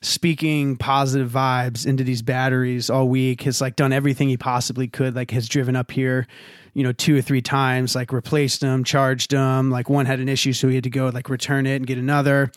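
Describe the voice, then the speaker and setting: A young man telling a funny family story in a casual chat, animated, laughing often, with many fillers. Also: medium pitch, fairly quick, no room sound, studio quality. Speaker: podcast guest telling a story.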